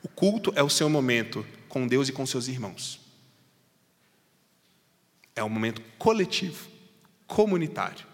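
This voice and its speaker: A man's voice: medium pitch, very animated, moderate pace, pauses often, long reverb tail. A man preaching a sermon and explaining a passage, talking in a conversational way straight to his congregation. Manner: conversational, addresses the congregation directly. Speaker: pastor. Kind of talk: expository sermon.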